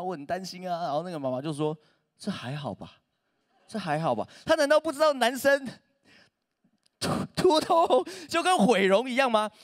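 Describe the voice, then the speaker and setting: A man, preaching a humorous sermon as a pastor, telling stories with self-mocking jokes. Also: high-pitched. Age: 30s. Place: church stage.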